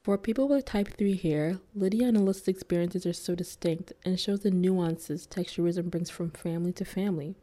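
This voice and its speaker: Low-voiced young woman hosting. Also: moderate pace, hardly any pauses, warm tone. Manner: casual, filler-heavy in chat. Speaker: host. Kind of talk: interview chat and scripted narration.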